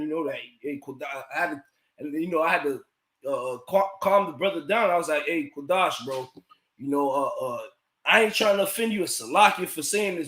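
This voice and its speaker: A man with a high, bright, sharp voice tells his story in casual chat, acting out the lines of others and swearing freely. The room gives his voice a clear echo. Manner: animated, swears, acts out quoted dialogue. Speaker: podcast guest telling a story. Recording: echoey room.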